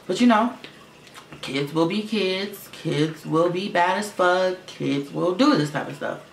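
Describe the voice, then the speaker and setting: Unhurried and creaky, a young man vlogs a casual storytime to camera, rambling with lots of fillers and swear words. He notes his voice is low for a boy yet sounds like a girl's. The recording, made in a room at home, has roomy echo and a faint hum from a fish tank filter.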